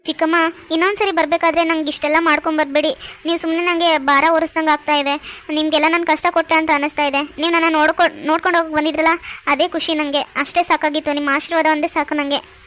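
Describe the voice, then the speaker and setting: A woman voicing a gentle, grateful young wife expecting a baby, for a cartoon. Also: high voice, level tone, fast talker. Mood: tearful. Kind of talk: cartoon voice acting.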